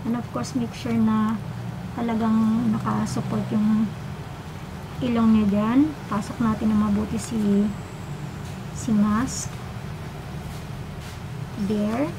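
Middle-aged Filipino woman vlogger, muffled through a face mask, casual and chatty, clear background noise. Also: on the high side, level tone, slow pace, long pauses. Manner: chatty, mixes English and Tagalog, playful asides. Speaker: vlogger reviewing a product. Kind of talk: casual product demo.

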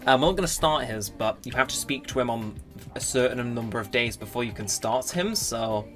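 A man chatting his way through a video game, mid-pitched and very animated, his voice jumping up and down as he talks. He rambles and corrects himself as he goes, and often reads the game's text aloud. Quiet game music plays underneath. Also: fairly quick. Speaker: let's play gamer. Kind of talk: casual gameplay commentary.

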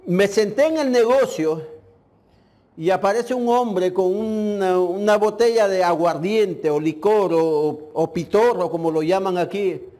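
A man's voice: sits high, measured pace, warm tone. A male pastor preaching a sermon, telling a personal testimony in an earnest, emotional way. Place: church in Puerto Rico.

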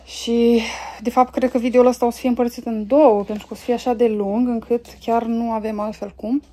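Filming herself on a phone camera while cleaning her family home, this Romanian vlogger in her thirties chats casually, often stopping with fillers between tasks. She speaks on the high side in a flat, mellow delivery.

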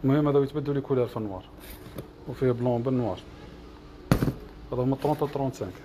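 Algerian man selling shoes, quick patter, mid pitch, clear shop noise behind. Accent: Algerian Arabic. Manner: rattles off prices and colors in a list. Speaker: shop seller. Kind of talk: product showcase livestream. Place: shoe shop.

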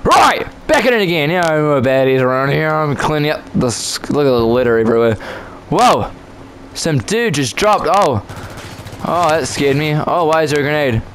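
Male gamer, fairly high voice, playful running commentary, faint background hiss. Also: moderate pace, low-quality recording. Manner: playful, jokey, talks to himself and to other players. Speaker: gamer commentating his own play. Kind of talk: casual gameplay commentary.

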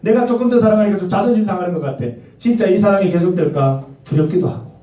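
A man's voice: high-pitched, fast, warm tone, distant mic, dull audio. A man in his forties preaching a sermon to a youth service in a conversational way, asking the congregation questions and acting out quoted lines. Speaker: pastor. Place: church hall. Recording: echoey hall, mic from afar.

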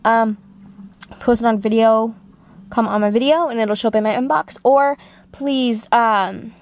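High-voiced young-sounding woman talking with braces. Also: a little slow. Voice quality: talking with newly fitted braces. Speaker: amateur voice actor auditioning. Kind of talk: casual rambling chat to camera.

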